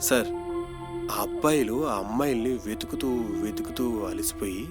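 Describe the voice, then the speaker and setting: An actor playing a humble aspiring screenwriter who speaks politely and deferentially. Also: male voice, fairly low pitch, moderate pace, over music, lightly acted. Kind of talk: film acting.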